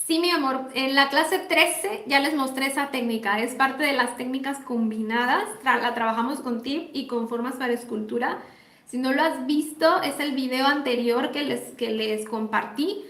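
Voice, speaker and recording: A woman's voice: high voice, a bit bright, reverberant. A Mexican woman teaching nail techniques on a live stream, chatty and affectionate, greeting viewers by name. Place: indoor home workspace.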